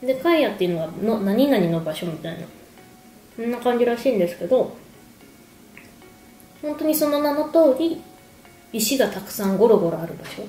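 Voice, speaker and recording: A woman's voice: fairly high pitch, lively intonation, a little fast, pauses often, dark tone. A woman in her thirties giving a casual explanation to camera while sipping a drink and snacking. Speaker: wine explainer, video host. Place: echoey indoor room at home. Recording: echoey room with background music. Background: music.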